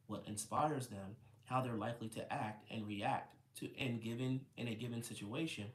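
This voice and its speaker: Male reader, mid pitch, casual and self-correcting, roomy recording. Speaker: host reading a book aloud. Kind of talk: reading a book aloud. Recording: roomy echo, faint ambience.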